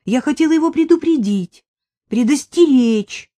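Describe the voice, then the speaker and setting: An audiobook reader raising the pitch to play an agitated wife who argues loudly and defensively. She sounds pitched up and forceful in a dry, close recording, a storybook sleuth caught in a domestic row. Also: lively intonation, normal speed, no room sound. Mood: heated. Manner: shouting, agitated. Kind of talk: audiobook character voice.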